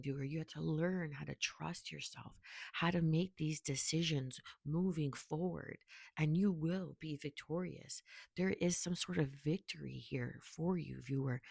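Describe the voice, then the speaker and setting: A woman giving a spiritual tarot reading to her viewers, soft-spoken, often checking in with a quiet "okay?" and dropping to near-whispers. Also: deep voice, creaky, no room sound, clean studio sound. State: hiccuping. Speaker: tarot reader.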